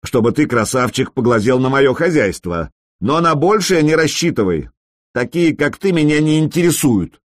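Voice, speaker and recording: A man doing a booming, sarcastic young warrior. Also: very animated, normal speed, a little mellow, no echo, studio quality. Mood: mocking. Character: bold young man in a Viking hall, cool and mocking.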